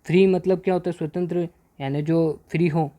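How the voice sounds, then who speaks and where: Teaching a grammar worksheet lesson in Hindi, a man repeatedly poses questions and answers them himself, reading the English example sentences slowly. His voice is fairly high-pitched with a dark tone and fairly even intonation.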